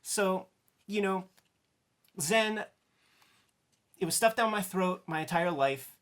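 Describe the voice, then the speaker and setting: A man's voice: sits high, slow pace, a bit bright. A man giving an opinionated, casual rant as a comics commentator, indignant, blunt and emphatic, with some swearing. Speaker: comics commentator on a discussion show.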